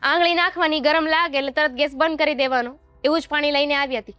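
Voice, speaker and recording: A woman acting out a put-upon young daughter-in-law in a family drama, answering back with quiet sarcasm. Her voice is high, recorded dry and close, with faint music underneath. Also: fairly even intonation, fast, no room sound. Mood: sarcastic.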